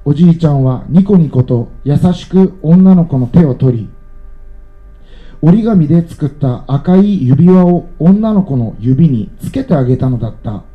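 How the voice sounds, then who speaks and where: Man with a high voice, calmly reading his own travel essay aloud; slightly muffled recording. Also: a little slow, soft background music.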